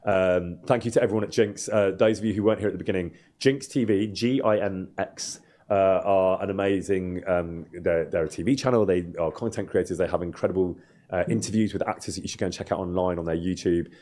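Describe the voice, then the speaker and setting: A low-pitched man talks briskly and warmly while playing a game on his livestream. As the host, he chats casually, sometimes a bit hesitantly.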